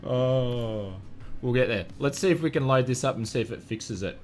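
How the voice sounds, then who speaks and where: A man's voice: mid-range voice, moderate pace. An Australian man chatting casually on a live flight sim stream, self-mocking and laughing often.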